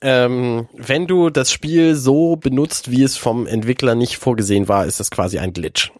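A man's voice: mid-range voice, moderate pace, a little mellow, dry recording. A man in his thirties talks casually, his nose audibly stuffed up from a cold. He hesitates and searches for words as he co-hosts a gaming chat. The recording is dry, without room sound. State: stuffy nose from being ill, sounds congested. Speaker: podcast co-host. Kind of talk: casual chat about video games.

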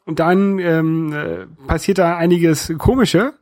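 Higher-voiced man in casual, halting chat. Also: fairly even intonation, darkish tone, dry recording, clean studio sound. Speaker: podcast co-host. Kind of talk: casual chat about video games.

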